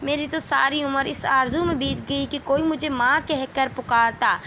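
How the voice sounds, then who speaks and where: A woman voicing a frail, lonely old woman who longs for a child, speaking gently and wistfully in a storybook tale. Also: high-pitched, steady tone, slight background noise.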